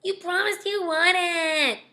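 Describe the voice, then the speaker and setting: A woman's voice: fairly even intonation, normal speed, sharp tone. A woman voicing a whiny six-year-old boy who whimpers and cries as he talks. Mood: crying whine. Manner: high whimpering crying voice.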